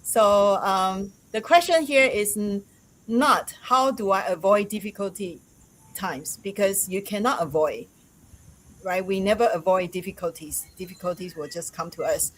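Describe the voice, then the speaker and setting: A woman hosting a casual live-stream chat, laughing often and pausing on fillers. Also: mid-range voice, slight background noise, poor audio. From Taiwan. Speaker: host.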